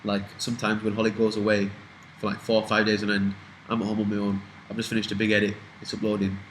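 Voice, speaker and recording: A man's voice: on the low side, monotone, fast, a little hiss or hum, poor audio. A man in his twenties from the UK, chatting casually and rambling as he answers viewer questions, swearing freely. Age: 20s. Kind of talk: casual Q&A chat.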